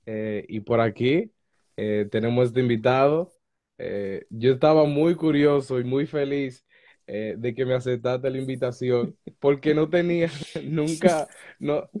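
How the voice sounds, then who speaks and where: A man from the Republic, hosting a casual podcast interview and speaking in a hesitant, halting way with repeated starts. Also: a little high, a little mellow. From Dominican Republic. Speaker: podcast host.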